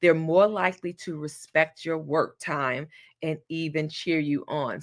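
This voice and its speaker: Chatty, encouraging woman podcast host. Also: low-pitched. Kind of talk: solo podcast advice talk.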